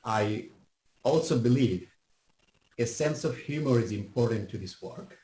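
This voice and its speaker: A middle-aged man from Bangladesh with a Bangladeshi accent, giving a measured, reflective personal testimony at a public event, pausing often with fillers. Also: medium pitch, expressive, warm tone, roomy sound, low-quality recording.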